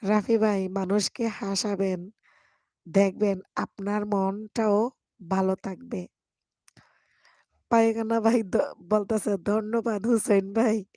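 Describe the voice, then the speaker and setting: Slow, hoarse woman live-streaming. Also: medium pitch, level tone, warm tone, no echo, clean studio sound. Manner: laughs a lot, slow and drawn-out. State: hoarse from a cold. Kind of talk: casual live-stream chat reading comments.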